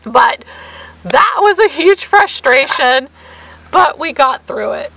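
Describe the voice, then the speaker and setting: A woman co-hosting a vlog with a crackly, hoarse voice, chatting casually and telling stories in an animated way. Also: sits high, slow pace. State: hoarse for weeks. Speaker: vlog co-host. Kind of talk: casual chat to camera.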